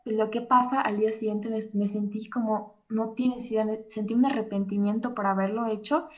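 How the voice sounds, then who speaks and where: A young woman with a Mexican accent, haltingly telling an advice host about a personal matter, full of fillers and restarts. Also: medium pitch, steady tone, highs cut off. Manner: hesitant, many fillers and restarts.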